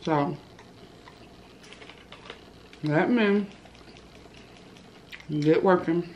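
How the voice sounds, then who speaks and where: A vlogger in her thirties eats at home and talks casually to her audience, whom she calls "y'all," from her living room. Her lowish voice is a little mellow with drawn-out words, heard through a muffled recording with a little hiss or hum.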